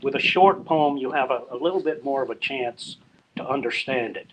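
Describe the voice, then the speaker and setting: An older man at an open mic, slowly and hesitantly introducing his short poems before reading them. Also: mid-range voice, background noise. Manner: slow, rambling, hesitant.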